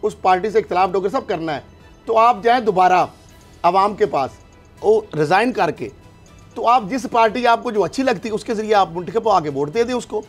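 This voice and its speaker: A man with a Pakistani accent interjects in a heated political discussion, arguing emphatically and firing off rhetorical questions. His high-pitched voice is animated and fairly quick, with soft background music.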